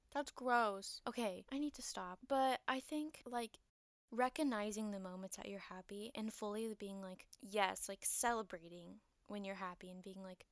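A young woman hosts a casual solo podcast, rambling with lots of fillers and self-deprecating remarks, her voice a little shaky and nervous. Her medium-pitched voice has a fairly bright tone. The recording is studio quality with no room sound.

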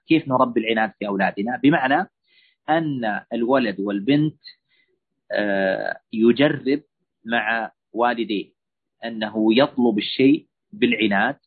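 A man's voice: medium pitch, slightly rough. Man lecturing over tinny line. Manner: earnest, repetitive, admonishing. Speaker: Islamic lecturer answering questions. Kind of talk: religious parenting lecture.

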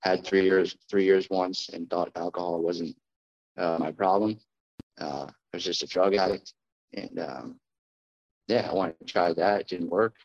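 An American man from New Jersey giving a plainspoken, halting personal testimony in front of an audience at a recovery meeting. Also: low voice, fairly even intonation, a little mellow, lo-fi sound. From New Jersey, United States. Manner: addressing a live group, plainspoken, halting.

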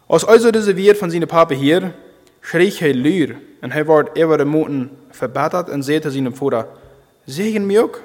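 Halting preacher man in a reverberant hall. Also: fairly high pitch. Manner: halting, repeats and restarts phrases. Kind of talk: sermon.

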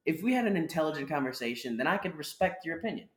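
A man's voice: fairly high pitch, very animated, fairly bright tone. A young man co-hosting a casual opinion chat, blunt and profane, often finishing his partner's sentences. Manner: blunt, fast, swears, finishes the other's sentences. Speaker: podcast co-host. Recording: echoey room.

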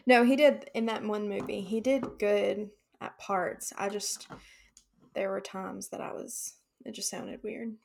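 A woman with a gravelly, fry-heavy voice at a middle pitch, talking casually with a friend. She speaks bluntly and with enthusiasm. Now and then she drops in a swear word. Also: steady tone, a little slow, darkish tone. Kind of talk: casual chat.

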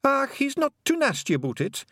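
A man's voice: very high-pitched, huge pitch swings, normal speed, fairly bright tone, no room sound, clean studio sound, voice pushed up, heavily acted. A man voicing a tiny, shy, polite pixie man in a kilt, speaking with a Scottish accent and deferring to his mistress. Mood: chatty. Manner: hesitant, deferential.

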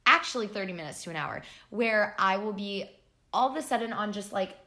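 A woman's voice: medium pitch, fairly quick, pushed and bright, roomy sound. A woman in her twenties co-hosting a podcast, chatting casually over wine with lots of "like" and easy laughter. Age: 20s. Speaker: podcast co-host.

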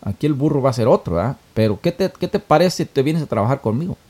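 A man's voice: medium pitch, lively intonation, fast, darkish tone, husky, pitched above the performer's own voice. A man voicing a confident, shrewd older businessman, speaking in an assured, lecturing way.

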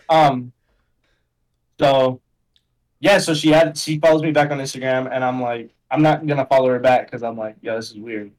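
A man's voice: mid-range voice, fairly even intonation, moderate pace, pauses often, darkish tone, low-quality recording. A young man chatting casually as a podcast guest, rambling in slang and filling his talk with "like" and "bro". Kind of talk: casual chat.

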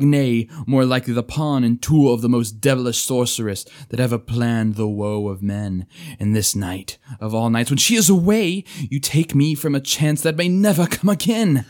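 A man's voice: medium pitch, darkish tone, pitched above the performer's own voice, lightly acted. A man reading aloud, voicing a tormented young knight who begs to be freed, his pleading rising toward shrieks.

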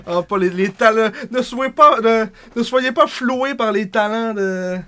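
A man's voice: very high-pitched, measured pace, a bit bright. A man with a Quebec French accent co-hosting a podcast in casual, joking, hesitant conversation. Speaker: podcast co-host. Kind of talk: casual chat.

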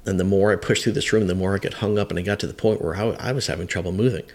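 A man's voice: low-pitched, fairly even intonation, very fast. A man in his fifties, a veteran firefighter, telling a long story in a podcast chat, rambling with hesitant restarts. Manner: rambling, hesitant, many restarts, acts out quotes. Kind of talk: conversational storytelling.

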